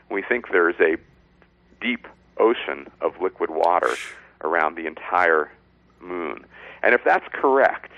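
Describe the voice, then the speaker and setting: A man explaining science as an interview guest, measured and step by step in plain words, over a narrow phone-like line. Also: sits low, creaky, dry recording.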